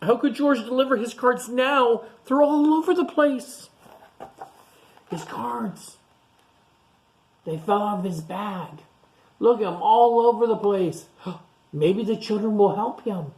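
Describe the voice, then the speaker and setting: In expressive, child-directed speech, a woman teacher reads a picture book to young children and stops now and then to explain things in simple terms. Her pitch is fairly high, and there's a little hiss or hum on the recording.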